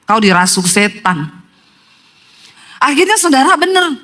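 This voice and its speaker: Animated storytelling woman pastor. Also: high voice, measured pace. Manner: lively storytelling, addresses congregation often. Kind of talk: sermon.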